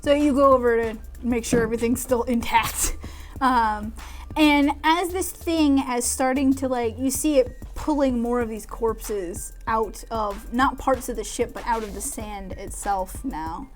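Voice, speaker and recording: A woman's voice: on the high side, measured pace, faint music behind. A woman narrating a tabletop game as game master in a casual way, with fillers and laughs.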